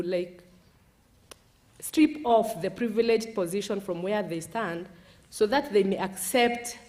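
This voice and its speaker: A woman presenting a paper at a conference, speaking in a halting way with frequent restarts. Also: medium pitch, a little mellow. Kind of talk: academic presentation.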